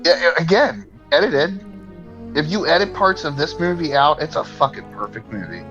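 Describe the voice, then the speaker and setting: A man's voice: on the high side, expressive, normal speed, fairly bright tone, soft background music. Man, podcast co-host, casual rambling chat, swears a lot, laughs often, muffled lo-fi audio.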